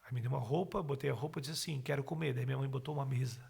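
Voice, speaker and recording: A man's voice: medium pitch, rapid-fire, creaky, husky. A middle-aged man, telling his personal testimony as a podcast guest and acting out the words of the people in it. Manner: animated, acts out his own and others' words.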